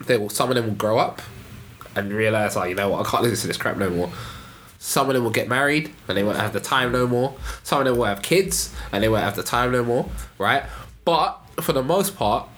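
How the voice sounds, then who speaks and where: A man's voice: medium pitch, a bit bright, a little hiss or hum. A man debating casually on a podcast, blunt and repetitive, firing off rhetorical questions. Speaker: podcast panellist and studio owner.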